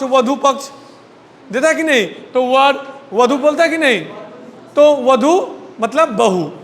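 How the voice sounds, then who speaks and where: High-voiced man teaching a Hindi class. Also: fairly bright tone, big-room sound. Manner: drills word pairs, repeats words, prompts students to answer. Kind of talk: classroom lesson.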